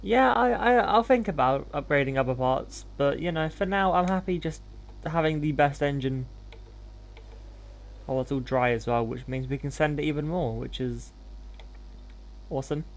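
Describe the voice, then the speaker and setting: Bloke streaming a racing game, laid-back casual chat, takes the mick out of himself a bit. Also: male voice, a little high, moderate pace. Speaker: live streamer hosting gameplay. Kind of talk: casual livestream chat and gaming commentary.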